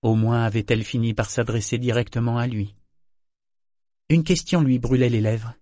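A man narrating an audiobook in a measured, even storytelling voice. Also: medium pitch, dry recording, studio quality.

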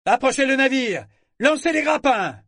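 A man's voice: medium pitch, animated, moderate pace, dry recording, clean studio sound, natural voice. A man voicing a cold, decisive pirate captain giving firm orders in an audiobook. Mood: commanding.

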